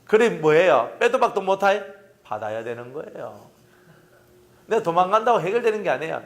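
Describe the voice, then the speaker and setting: A middle-aged pastor with a Gyeongsang accent preaches in a high voice that swings up and down constantly. His folksy, joking delivery keeps throwing rhetorical questions at the congregation. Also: very animated, normal speed. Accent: Gyeongsang Korean. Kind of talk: sermon.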